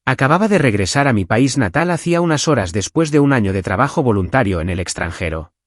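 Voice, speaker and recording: A man narrating a scripted first-person revenge story in an expressive storytelling manner. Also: mid-range voice, quick pace, dry recording, studio quality.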